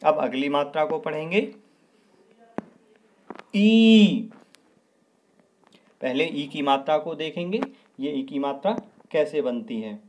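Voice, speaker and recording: A man teaching young children to read, sounding out syllables one by one and then calling out each answer higher and louder. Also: a little hiss or hum. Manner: slow, clearly sounds out each syllable, then raises pitch and volume for the answer. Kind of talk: children's Hindi lesson.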